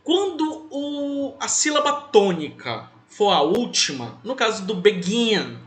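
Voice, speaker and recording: Young male teacher, high and sing-song, patient step-by-step explainer, roomy echo. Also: sing-song, slow pace, a bit bright. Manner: patient, repeats and spells out rules step by step. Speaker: English teacher. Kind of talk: online class lesson for children.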